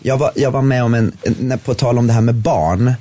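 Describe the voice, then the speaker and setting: A man's voice: mid-range voice, background noise. A man chatting casually, telling a story with many restarts and repeated words. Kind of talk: casual chat.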